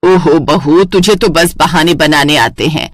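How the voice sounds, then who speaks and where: A woman's voice: sits low, measured pace, no echo, pitched below the performer's own voice. A woman voicing a nagging, taunting middle-aged mother-in-law. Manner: scolding, taunting.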